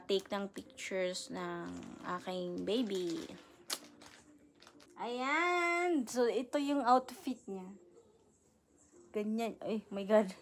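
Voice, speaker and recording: Chatting casually to her phone camera indoors at home, a young mother also coos baby talk to her infant. Her medium-pitched voice sounds pushed and bright, and there's slight background noise.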